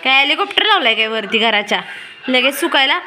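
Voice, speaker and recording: A woman's voice: high voice, big pitch swings, fairly quick, pushed and bright. A young woman, filming her children at home and coaxing and teasing them with playful scolding. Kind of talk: casual home vlog.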